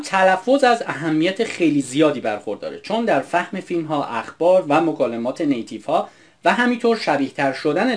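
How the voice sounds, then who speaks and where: A man from Iran narrating an English pronunciation lesson in a scripted, explanatory, upbeat way. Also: fairly high pitch. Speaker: English teacher.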